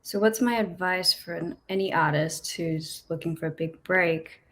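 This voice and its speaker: Bubbly young woman singer as a guest. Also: on the low side. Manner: bubbly, giggly, quick to cheer. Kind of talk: casual interview.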